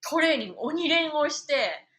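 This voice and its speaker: A young woman from Japan, a singer chatting casually on her live stream, animated and quick to laugh. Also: high voice.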